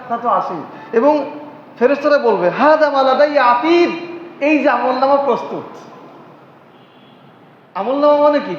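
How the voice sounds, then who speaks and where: A man preaching a sermon, repeating key phrases, asking the audience questions and chanting Arabic verses. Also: high voice. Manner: recites Arabic verses and hadith in a slow chant. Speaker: Islamic preacher. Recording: echoey hall, dull lo-fi sound, faint noise.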